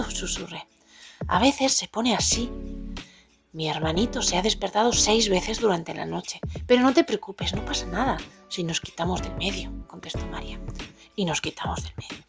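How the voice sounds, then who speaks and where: A woman co-hosting a parenting podcast, reading a children's story aloud with lively, expressive voices for the characters. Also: mid-range voice. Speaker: podcast co-host. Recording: music playing faintly behind.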